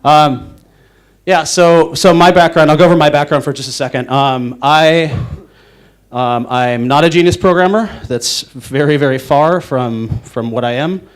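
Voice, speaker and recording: A man's voice: a little high, unhurried, clean tone. Rambling young man giving a casual talk. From Northwestern United States. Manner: rambling, filler-heavy, self-interrupting. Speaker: conference speaker. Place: conference stage.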